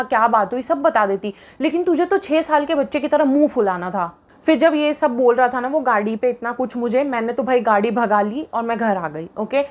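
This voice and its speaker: A young woman telling a personal story in a casual, animated way, switching between Hindi and English. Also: on the high side.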